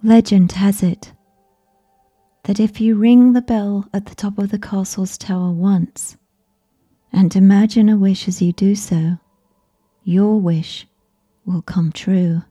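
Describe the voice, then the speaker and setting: A woman narrating a bedtime sleep story in a soft, soothing, whispery ASMR voice, breathy and right in the listener's ear. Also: mid-range voice, fairly even intonation, soft background music. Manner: slow, soothing, gentle.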